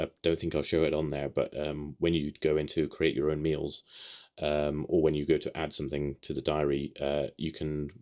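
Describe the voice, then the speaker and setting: A man's voice: extremely low pitch, darkish tone. A man from the United Kingdom rambling casually through a vlog update from his home office, with lots of ums and restarts. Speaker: vlogger.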